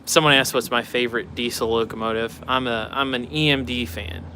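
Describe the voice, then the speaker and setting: A man's voice: mid-range voice, steady tone, a little fast, pushed and bright, slight background noise. A man hosting a casual live stream outdoors beside railroad tracks, chatting offhand and answering viewer questions.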